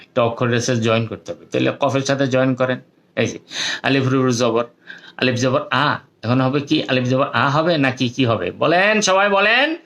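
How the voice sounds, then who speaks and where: A man teaching Quran reading, patiently sounding out letters one by one and urging listeners with earnest, preacher-like warmth. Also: mid-range voice, moderate pace, vocal fry. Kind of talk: step-by-step reading lesson.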